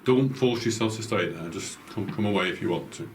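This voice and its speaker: A man leading a night-time ghost hunt as a medium, calm and reassuring, often stumbling over his words. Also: lowish voice, fairly quick, slight background noise. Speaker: medium leading a paranormal investigation. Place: indoors in a house at night.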